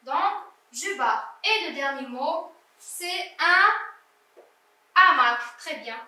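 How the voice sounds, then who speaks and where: A woman teacher with a high, bright voice talks slowly and carefully, breaking words into syllables for young pupils. She is recorded in a very echoey room from some distance away from the microphone. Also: animated. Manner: slow, deliberate, sounding out syllables. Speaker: primary school teacher. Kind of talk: slow classroom lesson correcting exercises.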